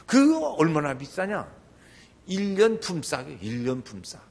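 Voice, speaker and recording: An older man preaching a sermon as pastor, animated, often acting out the people in his stories. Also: fairly high pitch, moderate pace, gravelly. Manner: animated, acts out quoted voices.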